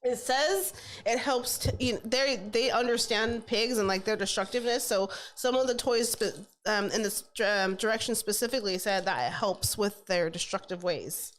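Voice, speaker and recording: A woman's voice: on the high side, moderate pace, hardly any pauses. A woman chatting informally as a podcast co-host, with lots of "like" and some swearing. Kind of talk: casual chat.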